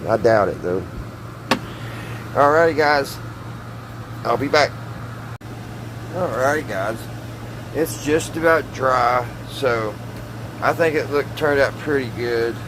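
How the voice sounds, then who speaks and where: Slow and frequently pausing, a middle-aged man with a medium-pitched voice hosts a hobby radio repair channel from a small wood-panelled indoor workshop. He demonstrates hands-on tinkering while talking casually and musing aloud, folksy and hesitant, over background noise.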